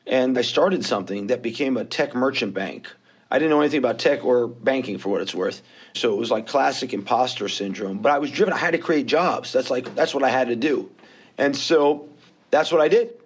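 In his fifties and speaking with a New York accent, this investor talks candidly about his story on a podcast interview, often at his own expense. His mid-range voice is brisk and slightly rough.

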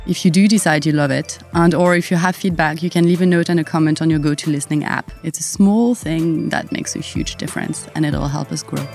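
A woman's voice: deep voice, fairly even intonation, a little fast, gravelly, hardly any pauses, a little mellow, faint music behind. French-accented woman hosting a podcast. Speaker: podcast host. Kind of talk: scripted podcast introduction.

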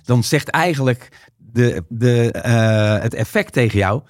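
A man's voice: mid-range voice, takes it slowly, no echo. A man from Rotterdam with a Rotterdam Dutch accent and a strained, worn voice, talking animatedly as a podcast guest and acting out quoted voices. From Rotterdam, Netherlands. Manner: animated, frequent tag questions, acts out quoted voices. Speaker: guest speaker. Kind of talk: podcast conversation.

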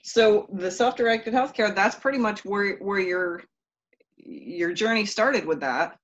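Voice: medium pitch, unhurried, a bit bright, dull audio. A podcast host in casual interview chat, talking loosely in rambling sentences and joking along.

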